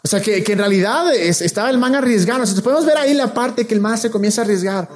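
Youth preacher, male, high voice, laid-back street-slang delivery, faint music underneath. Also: quick pace. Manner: slangy, animated storytelling with acted quotes. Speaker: youth pastor. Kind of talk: casual sermon.

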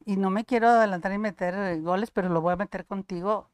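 A woman's voice: mid-range voice, steady tone, fast talker, clean tone, dry recording. A woman hosting a talk show, chatting and sharing personal anecdotes. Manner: conversational, recounts personal anecdotes. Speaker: host.

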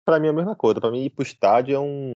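A man chatting on a fan podcast, reasoning out loud in a relaxed, filler-heavy way. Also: medium pitch, very fast, no room sound, dull audio. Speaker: podcast co-host, football fan. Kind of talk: casual chat.

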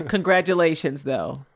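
A woman's voice: low voice, takes it slowly. A woman co-hosting a podcast in easygoing, casual chat. She is chatty and joking, and she laughs often. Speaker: podcast co-host.

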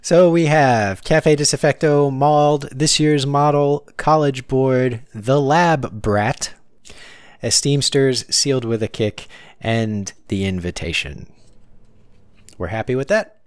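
A man co-hosting a podcast in casual chat, relaxed and hesitant with frequent restarts. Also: medium pitch, unhurried, clear, resonant tone, no echo, clean studio sound. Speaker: podcast co-host.

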